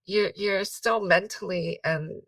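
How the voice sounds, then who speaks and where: Casting: middle-aged female podcast guest, mid-range voice, animated, laughs easily, dry and a bit off-mic. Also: mid-range voice, no echo, far from the mic. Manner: animated, quick bursts, frequent laughter and "you know". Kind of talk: casual conversation.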